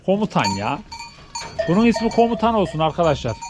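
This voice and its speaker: A man vlogging from a snowy farm barn, chatting casually to camera while doing chores and cooing at newborn goats, then dropping to soft low chatter. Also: very animated, fairly quick. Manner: coos and baby-talks at animals, rising high and loud; drops to soft, low chatter when explaining. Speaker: village vlogger tending goats.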